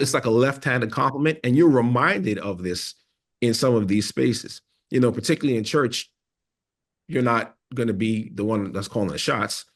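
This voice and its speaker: A man speaking as a podcast guest, telling his story in an earnest, reflective conversational way. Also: fairly low pitch. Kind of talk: conversational interview.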